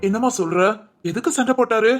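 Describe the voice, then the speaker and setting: A performer voicing an earnest, protective young adult son in an animated family drama, reassuring his mother in quick talk. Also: medium pitch, music in the background, natural voice. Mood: concerned.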